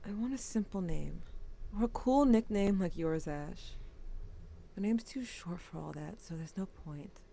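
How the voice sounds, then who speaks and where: A woman with a warm, lowish voice narrates an audio drama monologue. She voices a grieving teenage boy writing to his dead brother, wry and bitter but subdued.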